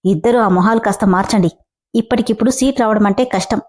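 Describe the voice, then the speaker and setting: A woman's voice: mid-range voice, fast talker, darkish tone, lightly acted. A woman reading the lines of a stern middle-aged father who scolds his family. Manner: gruff, scolding.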